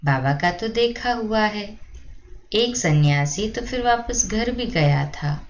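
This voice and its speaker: A woman giving a slow, measured reading of a spiritual discourse in a steady reciting tone. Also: mid-range voice, lo-fi sound, slight background noise. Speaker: spiritual reader.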